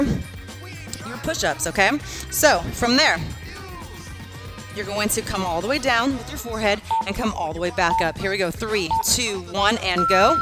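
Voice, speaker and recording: A woman coaching a workout like an aerobics instructor, cueing moves and counting in a casual, encouraging, urging way. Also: on the high side. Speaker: fitness instructor leading a home workout class.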